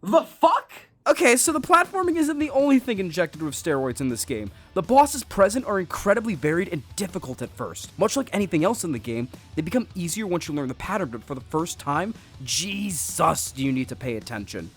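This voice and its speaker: A man's voice: fairly high pitch, big pitch swings, brisk, hardly any pauses, slightly rough. A man narrating a scripted game review with sarcastic, jokey asides, over faint background music.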